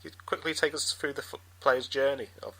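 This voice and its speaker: A man's voice: medium pitch, steady tone, brisk, pushed and bright, breathy edge, rough recording. A man asking interview questions, a little tentatively, feeling for his words.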